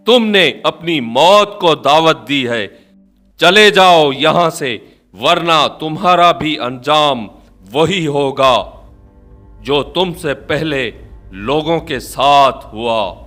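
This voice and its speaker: A man's voice: on the high side, pushed and bright, heavily acted. A man voicing a frightened village man who gives an urgent, fearful warning.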